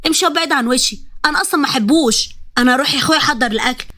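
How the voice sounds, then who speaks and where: A woman's voice: high-pitched, racing, bright, forceful tone. A woman doing a nagging Egyptian mother. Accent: Egyptian Arabic. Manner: nagging, exasperated.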